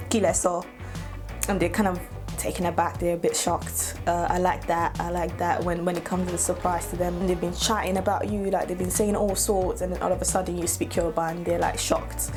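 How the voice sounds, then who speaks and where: A Nigerian woman in her twenties chats casually to her camera for a get-to-know-me YouTube vlog, laughing often and tossing in playful asides. Her voice sits fairly low with little pitch movement, and she talks fast over music.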